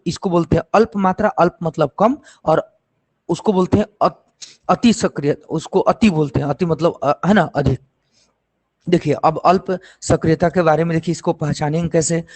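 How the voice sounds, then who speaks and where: Teacher explaining step by step, dry sound. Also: male voice, fairly high pitch, darkish tone, no echo. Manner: explains step by step, asks and answers his own questions. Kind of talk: classroom lecture.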